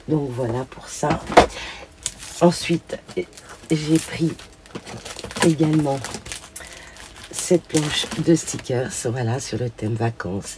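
An older woman with a hoarse voice, chatting through a craft haul and gushing over each find with many fillers. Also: a bass voice, noisy background. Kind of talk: casual show-and-tell haul.

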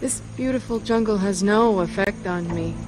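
An actress playing a sarcastic, quick-witted young woman in a video game, dry and flippant. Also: mid-range voice, background noise, close to an everyday voice.

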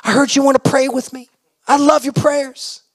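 A pastor voicing a sweet, frail older man in his sixties, in a raised, gentle, drawn-out voice. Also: extremely high pitch, level tone, voice pushed up.

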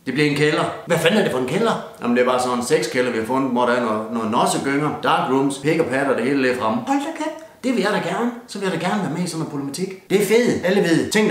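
Rowdy swearing Jutlandic man, roomy echo. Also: on the high side. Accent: Jutlandic Danish. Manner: swears constantly, blunt and rowdy, toasts with a beer. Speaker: comedian doing a mock New Year's speech. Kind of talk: crude comic rant.

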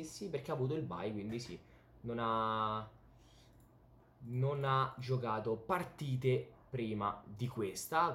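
Excitable young Italian man in an echoey room. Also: mid-range voice. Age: young adult. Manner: excited, animated, emphatic with repeated words. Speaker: YouTube tennis commentator and host. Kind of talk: casual tennis match recap to camera. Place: small home bedroom, indoors. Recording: roomy, echoey home room.

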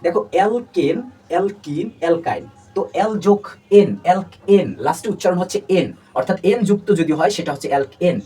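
Male chemistry tutor, rapid classroom delivery, repeats terms drill-style, slightly distant mic. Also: sits high, warm tone, husky. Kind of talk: classroom lecture. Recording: distant mic with faint background noise.

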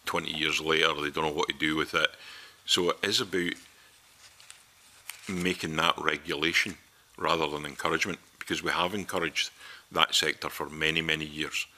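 A man's voice: extremely low pitch, little pitch movement, fairly quick, pushed and bright. A middle-aged man with a Scottish accent giving earnest, persuasive evidence to a parliamentary committee from a desk microphone in a large committee room. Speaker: committee witness.

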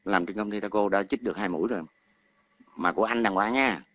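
Calling in to an online talk, a middle-aged man berates someone at length in a heated rant, repeatedly stumbling over words as he hunts for what comes next. His voice is fairly low but fairly bright and quick, and the dry, muffled recording comes over a noisy line with clicks.

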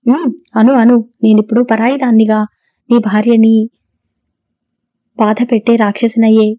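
A woman voices a bossy older mother-in-law who scolds and then pities herself. The voice is fairly high and sits in a narrow, flat range. The recording is dry and muffled. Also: normal speed, no echo, close to an everyday voice. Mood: scolding. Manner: scolding, self-pitying. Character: domineering older mother-in-law, quick to tears.

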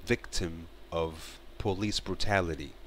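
A man in his thirties from Morocco speaks earnestly to camera as a vlogger, using a deep voice with fairly even intonation and a slightly slow pace. He often repeats and restarts phrases in this casual commentary, recorded on a headset mic in a small bedroom with slight background noise.

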